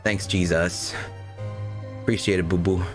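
Speaking a little slowly in a low voice with fairly even intonation, a young man rambles through informal, swear-filled stories while chatting on a gameplay stream. Game music plays in the background.

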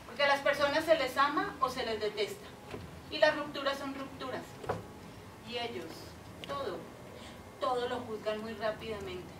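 A woman's voice: fairly high pitch, close to an everyday voice. A woman acting a heartbroken woman pleading with her departing lover on the phone, swinging between tender pleading and desperate outbursts. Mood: resigned. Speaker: stage actress. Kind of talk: stage monologue acting. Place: theater stage. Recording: echoey stage from far off, audible noise.

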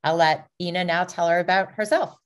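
Middle-aged woman, deep voice, casual self-deprecating pitch over a video call. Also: fairly even intonation, brisk, clean tone. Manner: breezy and self-deprecating, with many fillers. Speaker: venture capitalist, fund founder.

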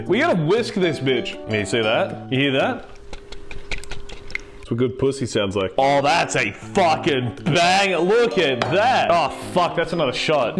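A tipsy, giggly young man chatting casually to camera in a rambling, sweary way as he cooks in a home kitchen. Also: a little high. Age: young adult. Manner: sweary, exclamatory. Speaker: host of a comedy cooking video. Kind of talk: casual chat to camera while cooking. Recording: music playing behind the voice.

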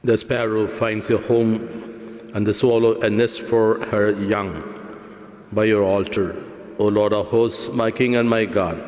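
An older man in his sixties, a priest reciting liturgical prayers at the altar in a solemn, measured, formal way, with a cathedral-like echo. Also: lowish voice, fairly even intonation, a little mellow. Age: 60s. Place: indoor church altar. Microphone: gooseneck microphone at the altar. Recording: long reverberant church echo.

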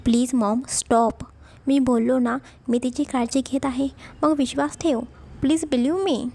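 Storybook: woman doing a curt, irritable young husband, a bit high, gravelly. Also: steady tone, measured pace, dark tone. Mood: irritated. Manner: short, snappish replies.

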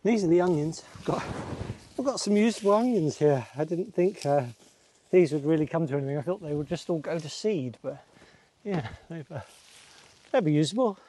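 A man's voice: on the high side, expressive, a little fast, mellow, a little hiss or hum. A middle-aged man talking casually as he works on his allotment, chatting and laughing to himself while digging and planting outdoors. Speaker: allotment gardening vlogger. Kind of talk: casual talk while working. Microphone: camera mic, sometimes far from the camera.

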